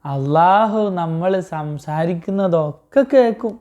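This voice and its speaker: A woman teaching a religious story to children, patient and slow, asking them questions and repeating the answers. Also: on the low side, lively intonation, warm tone, lo-fi sound.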